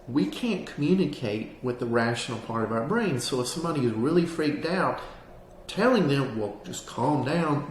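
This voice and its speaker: Male counselor, calm grounding-exercise delivery, plain and instructive, roomy sound with slight background noise. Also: mid-range voice. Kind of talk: explanatory lesson on anxiety grounding, spoken to camera.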